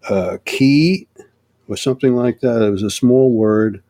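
An older man talking casually about cases on a podcast, halting with frequent restarts and fillers. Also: mid-range voice, mellow. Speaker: guest on UFO topics.

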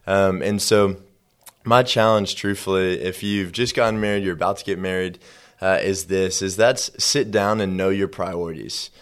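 A man with a low, smooth and resonant voice, talking in a faith-based podcast. He speaks in a measured, reflective way and fills his pauses with soft "uh"s. Now and then he slips in dry, self-deprecating humor. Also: steady tone. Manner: thoughtful, measured, uses fillers like "uh" and "um".

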